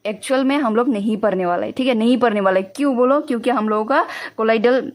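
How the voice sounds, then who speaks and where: Young woman, high-ish voice, lecturing in Hindi-mix, quizzes the class herself. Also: quick pace. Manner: explains in Hindi mixed with English, asks students questions and answers them herself. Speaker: chemistry teacher.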